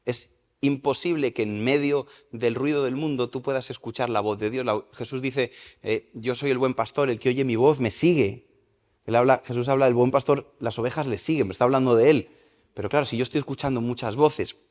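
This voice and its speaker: A man preaching a sermon at a church service, lively and questioning the congregation. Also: medium pitch, fairly quick. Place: church service in a large hall. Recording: reverberant church hall.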